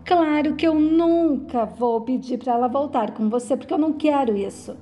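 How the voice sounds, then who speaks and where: A woman voicing a defiant, gravely ill woman, read quickly and plainly. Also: high voice, mellow, a little hiss or hum, natural voice.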